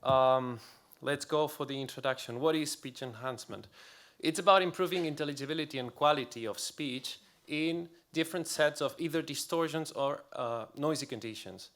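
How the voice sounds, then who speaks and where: A man's voice: fairly high pitch, moderate pace, fairly bright tone. A young man with a Spanish accent giving a technical conference talk in a loose, casual way, full of fillers and restarts. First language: Spanish or Catalan. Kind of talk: technical lecture. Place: lecture hall.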